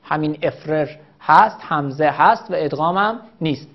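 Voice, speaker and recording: A woman teaching a recorded grammar lesson, explaining patiently and repeating each example slowly. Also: sits low, highs cut off.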